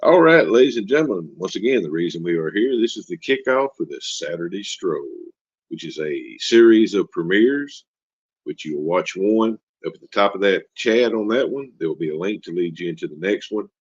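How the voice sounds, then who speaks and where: A deep-voiced man hosts a casual livestream, chatting with viewers and joking in a folksy, easygoing way. His voice is very low and comes through a dry, slightly dull home microphone. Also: lively intonation, moderate pace, slightly rough, no echo. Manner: folksy, joking, reads and answers chat. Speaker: livestream host. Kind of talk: casual live-chat hosting.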